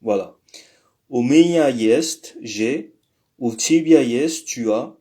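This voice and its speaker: A male teacher walks through grammar exercises at a slow, deliberate pace, stopping often to think and correcting himself as he goes. His voice sits at an ordinary middle pitch and stays patient throughout. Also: expressive, dark tone. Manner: patient, explains slowly with many pauses and fillers, corrects himself. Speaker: Russian language teacher. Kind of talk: slow step-by-step language lesson.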